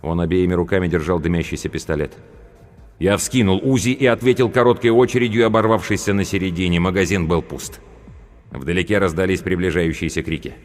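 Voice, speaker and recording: Audiobook narrator: man, low voice, measured and grave, reverberant mix over soft background music. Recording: long reverb with faint music.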